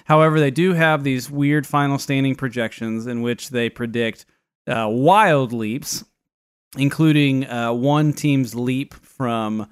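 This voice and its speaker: A man's voice: mid-range voice, slow, smooth, no room sound, studio quality. A man co-hosting a casual podcast chat, talking in a wry, wordy, mock-formal way with a facetious streak. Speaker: fantasy football podcast co-host.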